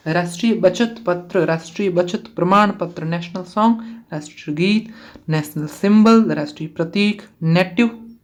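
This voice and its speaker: A woman teaches an exam-prep vocabulary class in a lowish voice. She moves slowly through term after term, giving each meaning and repeating answers to drill them. She breaks in with quick questions and casual asides to her students. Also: darkish tone.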